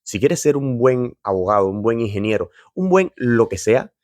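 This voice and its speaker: Very animated at a moderate pace, a motivational host speaks to camera in a medium-pitched, darkish voice, earnestly encouraging the viewer while owning up to nerves about being on video. The recording is dry and studio-clean.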